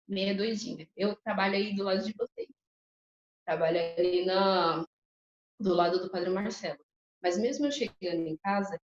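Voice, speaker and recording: A young woman gives a personal testimony to a church group, telling her story in a lively, emotional way and often turning to the audience. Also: medium pitch. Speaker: testimony speaker at a church couples' course. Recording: echoey, slightly muffled hall recording.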